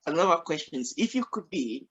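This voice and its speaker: A radio show host with a fairly high voice conducts a casual interview, talking a little fast and very animatedly. He rambles through loose questions, restarts them, reacts to answers, and laughs warmly, all on a lo-fi recording.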